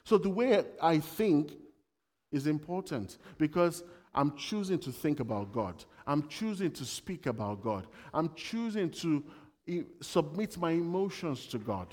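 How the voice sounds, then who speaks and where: A man's voice: a little high, animated, a little slow, a little mellow, big-room sound. A man giving a sermon in a conversational way, telling everyday stories and asking the congregation questions. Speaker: preacher.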